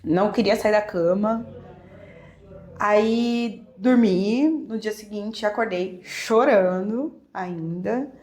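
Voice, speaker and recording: A woman with a Brazilian Portuguese accent, a podcast guest telling a personal story in a reflective, emotional way with many soft fillers. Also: medium pitch, slow. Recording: echoey room.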